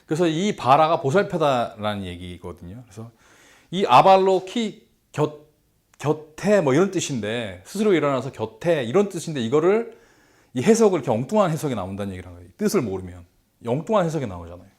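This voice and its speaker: A man's voice: medium pitch, sing-song, fast talker, darkish tone. A middle-aged man giving a lecture, explaining step by step, repeating key words and posing rhetorical questions.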